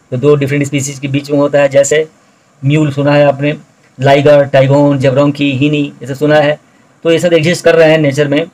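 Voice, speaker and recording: Male biology teacher, middle-aged, flat monotone delivery, repeats terms for students. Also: on the high side, rough recording. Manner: explains step by step, repeats key terms, addresses students directly. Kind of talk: recorded video lecture explaining notes.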